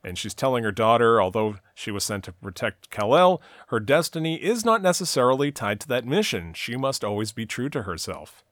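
A man in casual chat, walking through the plot of a TV episode at length. He fills his pauses with "uh" and "you know." His voice is close and dry, with no room sound around it. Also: mid-range voice, big pitch swings, fairly bright tone, no room sound. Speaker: podcast co-host recapping a TV episode.

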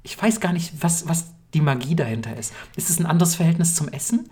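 A man's voice: fairly high pitch, very animated, a little fast, warm tone. A young German man co-hosting a podcast, chatting casually and enthusiastically in slangy, rambling runs. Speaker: podcast co-host. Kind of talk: casual chat.

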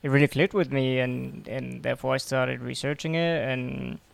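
A man in his twenties from Belgium, a podcast guest telling his story in a halting way, repeating words and filling pauses. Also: medium pitch, fairly even intonation, creaky. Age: 20s. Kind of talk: casual interview.

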